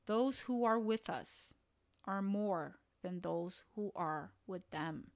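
A steady ancient prophet speaks slow, assured words of comfort, as a woman reads him aloud. He is a spoken Bible-story figure with a measured, gentle tone. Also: mid-range voice, no room sound. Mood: reassuring. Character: calm ancient male prophet, reassuring.

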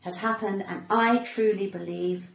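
Speaking a little slowly in a steady, mid-range voice, a well-spoken British woman with cut-glass diction talks earnestly and frankly. She's in her sixties, a stand-up comedian being interviewed as a podcast guest in a candid, conversational exchange. There's roomy echo in the recording and clear background noise.

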